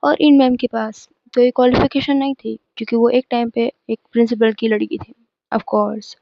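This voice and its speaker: Teen girl vlogger, emphatic storytime retelling, slightly high, dull dry home recording. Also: flat delivery, normal speed, vocal fry, dry recording. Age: teens. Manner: chatty, emphatic retelling with frequent restarts. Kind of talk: casual storytime vlog.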